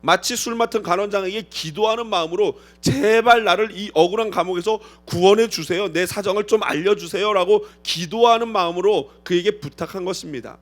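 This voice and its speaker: High-pitched guy preaching a sermon, lots of questions to the crowd, acts out the quotes loud, soft music behind. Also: a little fast, hardly any pauses. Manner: emphatic, rhetorical questions to congregation; acts out quoted voices with dramatic swings in loudness. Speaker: pastor. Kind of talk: expository sermon.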